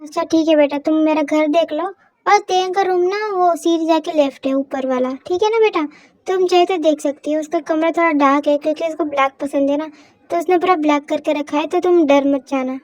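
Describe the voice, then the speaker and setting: A woman's voice: high voice, a little fast, darkish tone, no room sound, close to an everyday voice. A woman voicing a fussy, doting middle-aged mother-in-law who coaxes a shy girl in a fan-fiction voice story. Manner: fussy, coaxing.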